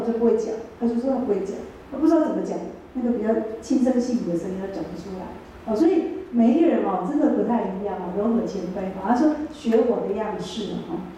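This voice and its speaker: A woman's voice: fairly high pitch, warm tone, a little hiss or hum. Woman preaching from far off in an echoey hall. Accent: Taiwanese Mandarin, with Taiwanese Hokkien phrases. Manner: chatty, asks the room questions. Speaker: church speaker. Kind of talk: sermon. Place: church hall.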